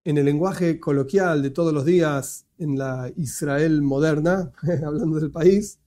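An Argentine man teaches a lesson from slides, his voice sitting a little high for a man yet soft and mellow in tone. He explains step by step and pauses to correct himself aloud. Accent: Argentine Spanish. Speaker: religious teacher. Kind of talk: lecture with slides.

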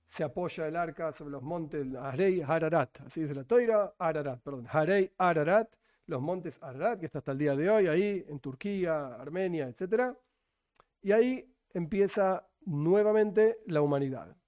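A middle-aged man from Buenos Aires, Argentina, speaks in a fairly high, expressive and somewhat mellow voice at a moderate pace, with a Rioplatense Spanish accent. As a Torah teacher, he gives an informal lesson packed with rhetorical questions and sarcastic asides. The audio sounds dull.

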